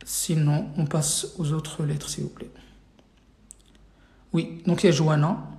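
A man's voice: on the high side, steady tone, unhurried, vocal fry, dark tone, reverberant. A man teaching an Arabic reading class online, running a live quiz and patiently repeating each question several times for his students.

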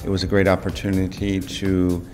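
Calm, deep, flat-voiced professor. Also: male voice, moderate pace. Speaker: radiology professor, instructor. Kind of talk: interview testimonial. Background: music bed.

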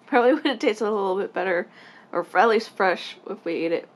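A woman's voice: medium pitch, animated, a little fast. A woman co-hosting a casual vlog, giggly and teasing as she chats about arcade games and snacks. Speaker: vlog co-host.

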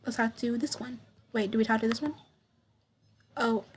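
A young woman streaming a game, reading its dialogue aloud and commenting, stammering and repeating words, with sudden excited bursts. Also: a little high, moderate pace, a little hiss or hum. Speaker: gameplay streamer. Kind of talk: reading visual novel text aloud with commentary.

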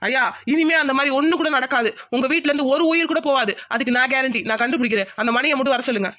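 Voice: sits high, steady tone, quick pace, sharp tone, dry recording. A performer voicing a stern, determined male police inspector in a cartoon, asking firm and insistent questions. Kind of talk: cartoon voice acting.

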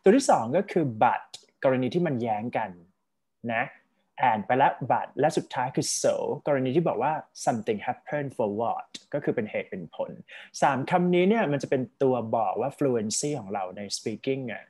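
A man's voice: medium pitch, animated, measured pace, darkish tone, husky. A man with a Thai accent, an English speaking tutor giving chatty feedback and explaining with examples. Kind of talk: casual coaching feedback.

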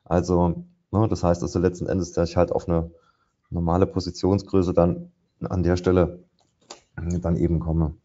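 A man's voice: low-pitched, flat delivery, moderate pace, dark tone, dull audio. A man commenting live on market charts as he trades, thinking aloud with many fillers. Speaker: trader presenting a live trading session. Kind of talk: live market commentary over screen share.

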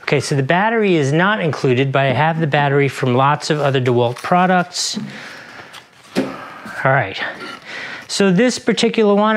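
A man doing a casual unboxing review, chatty and enthusiastic, joking at his own expense, recorded in a garage studio. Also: a little high. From lives in Florida. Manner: enthusiastic, chatty, self-deprecating. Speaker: product reviewer. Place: outdoor garage testing studio.

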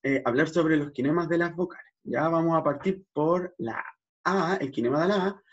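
Here a man with a voice on the high side teaches about vowel gestures at normal speed. As a speech therapist, he keeps checking in and models sounds with exaggerated articulation in this educational explanation, and the audio is dull and lo-fi.

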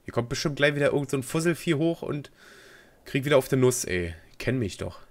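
Talking to himself while he plays, a young man hosts a gaming video with loose, slangy, rambling commentary. He sounds animated, speaking a little fast at a medium pitch.

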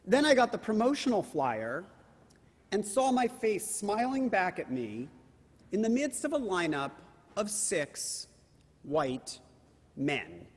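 A man, a rabbi, delivering a sermon with measured, emphatic phrasing. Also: high voice, in a large hall.

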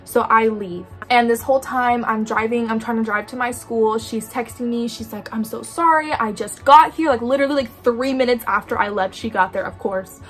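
A young woman with a slightly high voice tells a casual storytime, lively and chatty, peppering her sentences with "like". Faint music plays softly behind her. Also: brisk, few pauses. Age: young adult. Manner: animated, talks in quoted asides, frequent "like". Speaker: vlogger.

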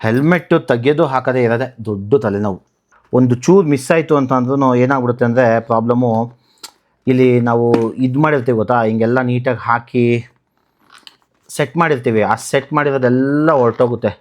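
A brisk, mid-range male voice belongs to a channel host and motovlogger from Karnataka, India. He leads a hands-on tutorial in a relaxed vlogging style, posing questions and then answering them.

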